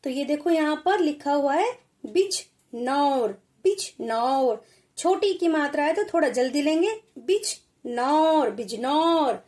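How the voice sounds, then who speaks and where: A woman teacher giving a reading lesson for children, sounding out words slowly and repeating each one. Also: sits high, animated, a little mellow. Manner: addresses children as beta.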